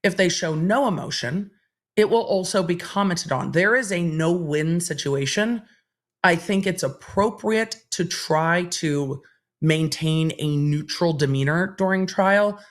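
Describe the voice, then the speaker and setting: Hosting a livestream on legal commentary, this woman speaks on the low side at a measured pace. Her manner is chatty and frank as she reads viewer questions aloud and explains her answers evenly.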